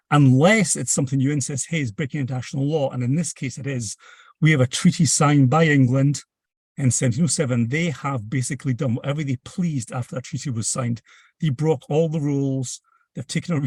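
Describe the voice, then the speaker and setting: A man with a husky edge to his medium-pitched voice explains his cause as a panel guest. He is emphatic and plain-spoken, recorded close and dry. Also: a little mellow, dry recording. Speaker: campaign activist, panel guest. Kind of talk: explanatory interview talk.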